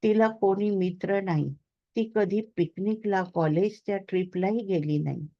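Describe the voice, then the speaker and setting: A woman's voice: medium pitch, moderate pace, no room sound, lo-fi sound, lightly acted. A woman reading the part of a troubled young husband who speaks in a subdued, hesitant way.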